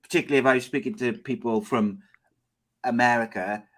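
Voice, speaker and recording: A man's voice: medium pitch, fairly even intonation, brisk, a bit bright. A man with a Cardiff Welsh accent, chatting and bantering casually as host of a sports podcast. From Cardiff, Wales.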